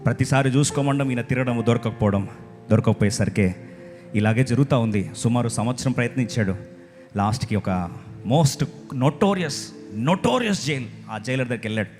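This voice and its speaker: A male preacher telling a story in an animated, dramatic sermon style. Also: mid-range voice, normal speed. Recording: echoey hall with loud music.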